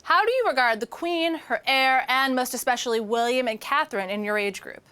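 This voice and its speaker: A woman's voice: high voice, a little fast, bright, forceful tone, clean tone. A woman hosting an interview show, presenting scripted lines and questions in a polite, presentational way.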